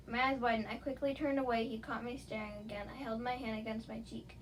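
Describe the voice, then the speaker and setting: A woman reads a first-person fan fiction story aloud in a relaxed, casual way, now and then stumbling and correcting herself. Her voice sits on the higher side, and a faint hiss of noise sits behind it. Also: fast talker, rough recording. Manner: casual reading with small slips. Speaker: narrator.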